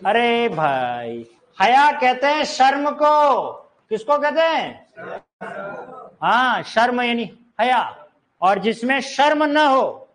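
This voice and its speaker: A man's voice: very high voice, fairly bright tone, rough recording. A man teaching a class on word prefixes, asking students questions and singing short bits of songs. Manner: slow, drawn-out teaching with sung snippets and questions to students. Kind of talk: classroom lesson on Hindi prefixes.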